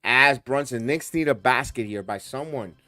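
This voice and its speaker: A male streamer hosts a live watch-along, giving rapid play-by-play calls that rise and push on big plays and addressing chat viewers by name. His middle-pitched voice is bright and forceful, recorded dry and close with faint music behind.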